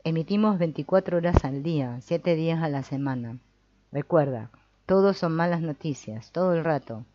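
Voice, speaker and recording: A woman voicing a solemn radio announcer who reads out only bad news, in a drawn-out, deliberate broadcast delivery. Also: low-pitched, mellow, no echo, natural voice. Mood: mock-solemn. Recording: dull, slightly muffled recording.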